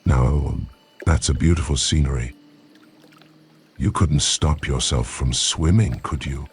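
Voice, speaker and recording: Picture a wry ghost companion played by a man in a fantasy role-play, teasing and fond. The voice is extremely low and unearthly, with music clearly playing behind it. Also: takes it slowly.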